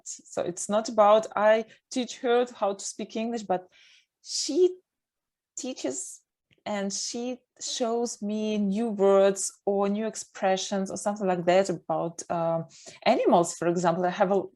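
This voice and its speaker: A woman learning English, chatting in an online webinar, pausing to search for her words. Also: mid-range voice, a little mellow. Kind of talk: casual webinar chat.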